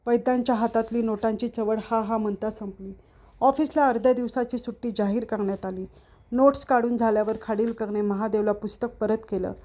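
A woman narrating a literary short story aloud in a steady, expressive way. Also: a little high.

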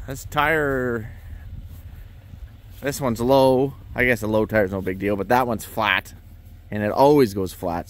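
A man vlogging around his farm, chatting casually as he explains his equipment and chores. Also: medium pitch. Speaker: farmer vlogger. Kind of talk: casual walk-through vlog. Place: outdoors on a farm yard beside machinery.

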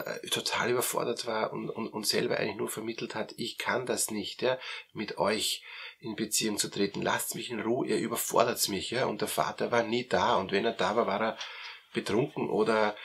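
A middle-aged man with an Austrian German accent, a coach explaining calmly with many fillers and repeated words. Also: lowish voice, vocal fry, slightly rough. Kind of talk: explanatory talk.

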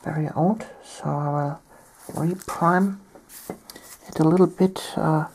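A woman from Germany, talking softly through a painting tutorial while she has a cold and keeps clearing her throat. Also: low-pitched, fairly even intonation, slow pace, noisy background. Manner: soft-spoken, often near a whisper. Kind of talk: step-by-step tutorial narration.

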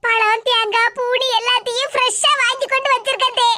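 Woman voicing a squeaky, whiny young bride, Tirunelveli Tamil, loud noise behind. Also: steady tone, brisk. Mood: pleading. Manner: pleading, whiny, self-justifying. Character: naive young bride, daughter-in-law, dim-witted.

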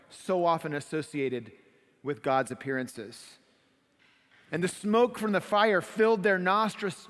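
Man, middle-aged, pastor, sermon, higher-pitched, dramatic swells, long church reverb. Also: fairly bright tone. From United States. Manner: expository preaching, dramatic swells when describing scenes. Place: church stage behind a wooden pulpit. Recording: long hall reverb of a sanctuary.

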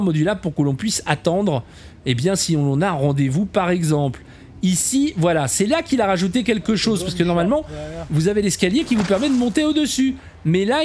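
A man's voice: fairly high pitch, a little mellow. A man giving a chatty, casual commentary as he tours a game camp, talking to viewers as kids and poking fun at himself. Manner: chatty, calls viewers "les enfants"; self-mocking asides. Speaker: game camp tour host.

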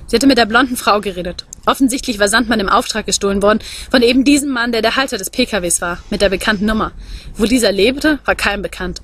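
A woman reading a novel aloud in measured, expressive narration. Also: a little high, husky. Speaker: audiobook reader.

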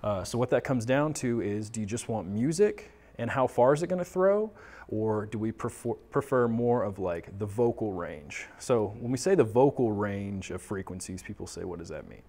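A Texan in his thirties presents a casual product explainer on audio gear as a tech talk host, frequently posing questions and then answering them. His lowish voice is expressive and mellow at normal speed. He's seated or standing at a table in a small indoor studio office.

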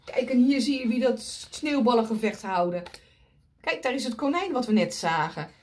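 A woman's voice: a little high, lively intonation, moderate pace, a little mellow. A woman reading a picture book aloud to children, pointing at the pictures and asking them questions.

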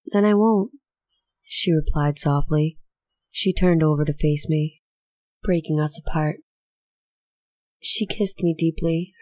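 A woman narrating an explicit romance audiobook in a measured, intimate reading. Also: sits low, darkish tone, dry recording.

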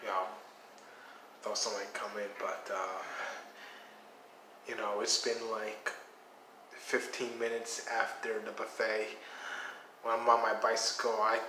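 Slow-talking man in an echoey bathroom. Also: fairly low pitch, completely flat delivery, background noise. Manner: groaning, rambling, slow talk. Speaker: vlogger. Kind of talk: casual vlog to camera. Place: small tiled bathroom, indoors. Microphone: phone camera held close.

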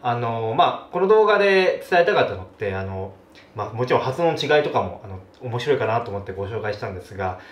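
A man from Japan, a vlogger chatting casually to camera, animated as he demonstrates pronunciations and chuckles often. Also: mid-range voice, fast, muffled recording. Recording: echoey room, faint background music.

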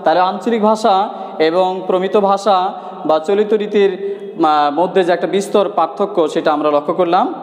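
A man's voice: high-pitched, normal speed. A male teacher from Bangladesh giving a grammar lesson, repeating key points and asking the students rhetorical questions. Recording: echoey room with long reverb.

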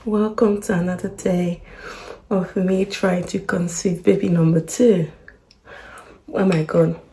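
A woman's voice: fairly low pitch, little pitch movement, slow pace, dark tone. A young woman just out of bed with a morning voice, talking candidly to her camera at home in a worried but hopeful way. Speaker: vlogger. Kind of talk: casual vlog to camera.

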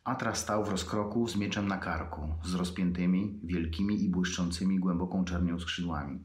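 A man, an author, reading his own fantasy prose aloud in a measured, unhurried way with pauses. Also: sits low, fairly even intonation. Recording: echoey room.

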